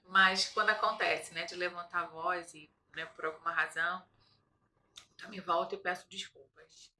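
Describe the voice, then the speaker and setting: A woman's voice: on the low side, fairly even intonation, moderate pace, bright, forceful tone, poor audio. A woman hosting a casual conversation, a mother who talks reflectively and ends many phrases with tag questions. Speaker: host.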